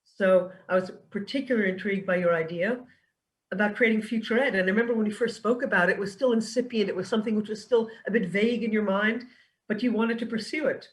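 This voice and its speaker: A woman, a business school director, speaking thoughtfully and pausing to find her words. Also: mid-range voice. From New York. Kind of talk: speech at an online event. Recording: voice from a distance.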